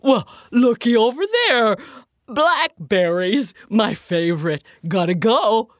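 A woman's voice: lowish voice, animated, slow, no room sound, studio quality. A woman voicing a big, good-natured male bear who rambles and chuckles heartily. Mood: jolly.

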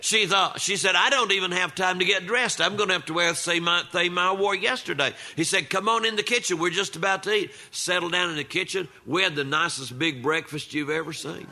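Telling funny family stories before a live audience, an older storyteller speaks in a high, bright, forceful voice. He is brisk with few pauses, keeping a folksy, conversational feel and voicing relatives' lines himself.

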